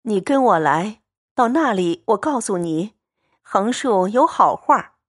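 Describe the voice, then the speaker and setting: A woman's voice: mid-range voice, animated, takes it slowly, no echo, clean studio sound. Woman doing a wheedling pushy sister-in-law. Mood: coaxing. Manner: coaxing, wheedling.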